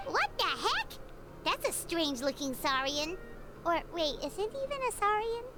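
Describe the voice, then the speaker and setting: A woman's voice: very high-pitched, very animated, moderate pace, music in the background. A woman voicing a tiny floating female companion in a video game, chatty and blunt, who calls herself by her own name. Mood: chirpy. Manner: bouncy, talks about herself in the third person.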